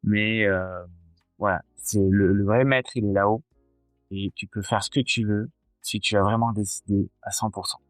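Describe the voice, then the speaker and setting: A man in his forties talks as a cardiologist guest in a relaxed interview. His voice sits somewhat low, and he hesitates often, filling gaps and restarting his sentences. The sound is close and dry, with faint music in the background. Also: normal speed, no room sound. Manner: hesitant, many fillers and restarts. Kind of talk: casual interview chat.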